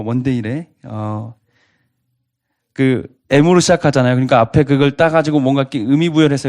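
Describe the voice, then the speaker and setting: Man, pastor, preaching a sermon; earnest and questioning, medium pitch. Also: a little mellow. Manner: earnest, asks the congregation repeated questions.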